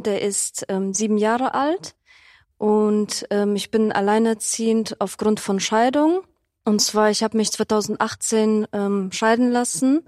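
Flat-toned woman in her thirties. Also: medium pitch, no room sound, studio quality. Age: 30s. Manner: hesitant, many fillers. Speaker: panel guest. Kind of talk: personal testimony in a panel talk.

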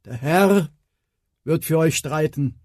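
A man voicing Moses as a steady, solemn leader, speaking slowly and emphatically. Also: a little high, no room sound, studio quality, pitched above the performer's own voice. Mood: solemn, reassuring.

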